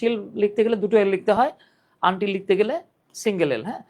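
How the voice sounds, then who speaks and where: A man's voice: sits high, brisk, a little mellow. A man from Bangladesh teaching an English grammar lesson on a live stream, chatty and joking as he talks straight to his students. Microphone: phone.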